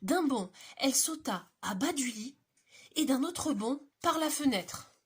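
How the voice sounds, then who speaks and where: A woman reads a children's storybook aloud, slow and expressive. Her voice sits fairly high, moves a lot in pitch and is breathy, and she drops to hushed tones for suspense.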